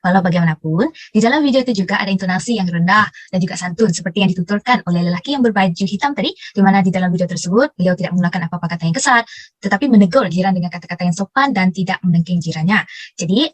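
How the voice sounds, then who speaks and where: Brisk encouraging woman teacher. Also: medium pitch, lively intonation, husky, dry recording. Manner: formal, encouraging, praises students. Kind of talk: formal classroom teaching.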